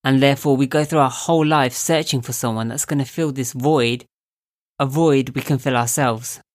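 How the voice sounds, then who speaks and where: A man's voice, nasal and a touch squeaky, sitting at an ordinary middle pitch. He talks through a reflective self-help monologue as a podcast host. He is calm and thoughtful, and he turns to the listener with easy rhetorical questions. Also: moderate pace.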